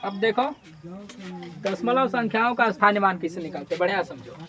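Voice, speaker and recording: A man's voice: high voice, lively intonation, normal speed, sharp tone. A male teacher giving a classroom maths lesson, repeatedly quizzing his class and answering his own questions.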